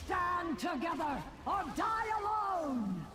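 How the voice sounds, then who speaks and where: Very high, shouting battle commander. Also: male voice, sing-song, music in the background, full character voice. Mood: fierce, defiant. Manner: shouting, drawn-out battle cries. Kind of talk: video game character voice acting. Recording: distant game audio with battle noise.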